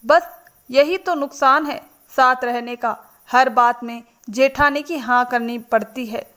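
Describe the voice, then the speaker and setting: A woman's voice: sits high, takes it slowly, a bit bright. A woman voicing a petulant, complaining young daughter-in-law in a spoken storybook. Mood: grumbling. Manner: grumbling, sulky.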